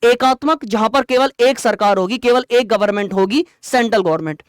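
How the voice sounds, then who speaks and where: A man's voice: very high-pitched, clean tone, no room sound, studio quality. Male teacher quizzing his class. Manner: quizzes students with quick rhetorical questions; explains terms by repeating them plainly. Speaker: exam-prep teacher. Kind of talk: online exam-prep lecture.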